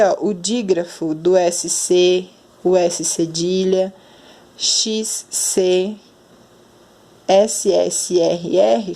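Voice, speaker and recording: Slow-enunciating Brazilian teacher woman. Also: lowish voice, creaky, darkish tone. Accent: Brazilian Portuguese. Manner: slow, drawn-out enunciation of sounds. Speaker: primary school teacher. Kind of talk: explaining lesson to children.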